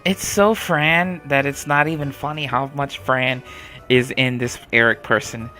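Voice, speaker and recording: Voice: mid-range voice, steady tone, unhurried, pushed and bright, faint music behind. A let's play commentator reacting casually and with amusement.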